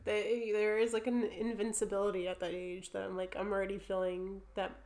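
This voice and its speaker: A woman's voice: medium pitch, little pitch movement, fairly quick, darkish tone. A young adult woman with a New Jersey accent, an artist talking casually as a podcast guest, chatty and full of fillers.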